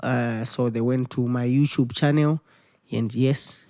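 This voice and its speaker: A young man, answering questions about his music. He speaks at a middling pitch, often restarting and repeating words as he finds his phrasing. The recording is dry and close, with no room sound. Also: steady tone, a little mellow, dry recording. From Zimbabwe. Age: 20s. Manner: halting, repeats words while searching for phrasing. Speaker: musician guest. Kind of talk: interview answers.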